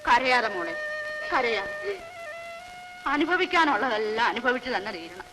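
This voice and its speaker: A woman's voice: on the high side, sing-song, unhurried, rough recording. Brief: a fretting motherly woman in an old drama, consoling. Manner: soothing, fretting. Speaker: film character. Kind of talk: 1960s film acting. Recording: old film soundtrack with music.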